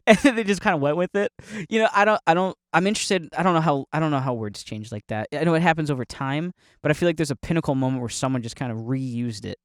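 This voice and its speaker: A man's voice: on the high side, dry recording, studio quality. A giggly man rambling solo. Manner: giggly, laughs often while talking; rambling with restarts and quick mock voices. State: drinking brandy. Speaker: podcast host. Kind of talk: casual solo monologue.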